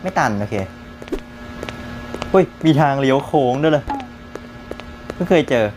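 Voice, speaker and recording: A young man giving jumpy, excitable commentary on a horror game, often repeating words when startled. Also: mid-range voice, unhurried, faint music behind. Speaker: gaming YouTuber.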